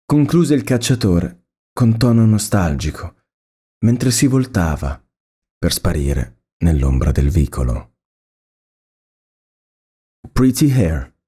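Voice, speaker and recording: A man narrating a story aloud in a measured, expressive reading. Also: sits low, slightly rough.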